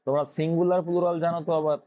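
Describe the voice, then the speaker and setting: Very fast and flat in delivery, a Bengali-accented male tutor runs through English grammar, asking questions and answering them himself. His voice is on the high side, and the audio sounds dull and lo-fi.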